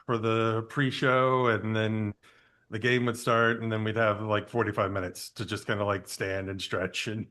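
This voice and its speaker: A man hosts a podcast and chats casually with his guest. His voice sits low for a man, and he speaks in an easygoing way, often pausing and reaching for "uh" and "like". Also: level tone, sharp tone. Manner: hesitant, many fillers, easygoing. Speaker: podcast host. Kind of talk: casual interview.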